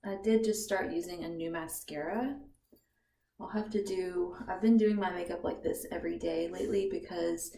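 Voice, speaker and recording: Chatty pregnant woman, low-ish voice. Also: steady tone, normal speed, vocal fry. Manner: chatty with frequent ums, drifts into soft whispers. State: heavily pregnant, a little out of breath. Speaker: vlogger. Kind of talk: casual beauty vlog chat. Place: bathroom at home, indoors.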